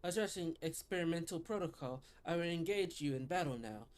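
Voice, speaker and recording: A man voicing a glitching, cold machine intelligence, reading its lines in a clipped, flat robotic way with error stutters. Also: on the high side, a little fast, lightly acted. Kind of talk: reading game dialogue aloud.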